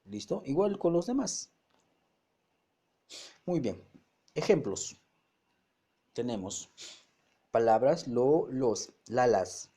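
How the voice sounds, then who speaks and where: Guy teaching grammar, mellow low-key voice, explains bit by bit, keeps checking "ya?". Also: very animated, slow, pauses often, slightly rough. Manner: explains step by step, often restarts words and checks "¿ya?". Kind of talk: grammar lesson.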